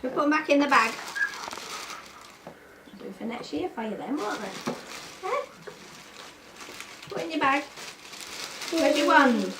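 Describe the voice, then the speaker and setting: An older woman, coaxing a toddler in sing-song baby talk at home, sometimes dropping to soft murmurs. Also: sits high, very animated, measured pace, pauses often, roomy sound. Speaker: grandmother playing with a toddler. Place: family home, indoors. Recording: distant home-video audio with background noise.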